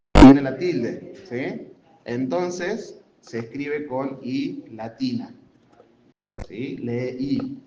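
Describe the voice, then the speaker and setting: A man's voice: mid-range voice, mellow. A man teaching a Sunday school grammar class, explaining step by step with examples and often checking that students follow. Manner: keeps checking understanding with tag questions. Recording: roomy, dull lo-fi with faint room noise.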